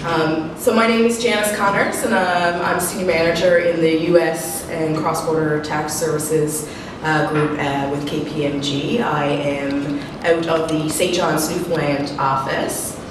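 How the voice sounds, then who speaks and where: A woman with a head cold, sounding slightly muffled and sniffly, explains technical material in a halting professional presentation. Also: low voice, little pitch movement. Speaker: senior tax manager presenting. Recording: very echoey room, distant mic, noisy.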